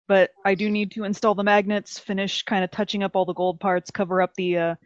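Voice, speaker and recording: A woman from Texas hosting a casual podcast, chatty and animated, laughing often. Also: mid-range voice, moderate pace, no room sound, lo-fi sound. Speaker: podcast host.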